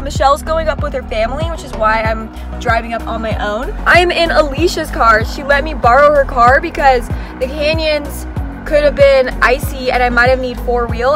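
A bubbly young woman chats to the camera in a casual vlog, excitable and quick to laugh. Her voice sits high and bright. Music plays behind her. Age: young adult. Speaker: vlogger host.

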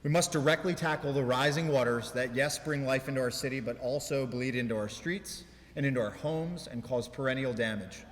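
A man delivering a prepared mayoral speech at a ceremony, in deliberate, emphatic oratory with measured pauses. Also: medium pitch. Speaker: mayor giving an inaugural speech. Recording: reverberant hall, long echo.

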